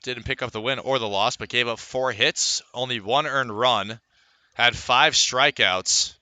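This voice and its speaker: Calling baseball live on the radio, this play-by-play announcer speaks a little slowly in a medium-pitched voice that's bright and forceful, recorded dry. He fluently recites stats and lifts his delivery with each play.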